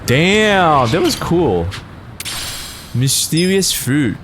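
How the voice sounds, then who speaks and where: A man's voice: a little high, very animated, extremely slow, fairly bright tone. A man hosting a casual let's play, commenting on the game in a slangy, profane way. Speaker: gaming video host. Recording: noisy game sound behind.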